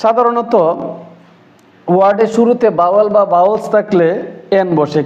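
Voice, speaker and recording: Male English tutor, slightly high voice, repeats key words, echoey dull room sound. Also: a little mellow. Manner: repeats key words slowly, asks and answers his own questions. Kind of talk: explaining grammar rules.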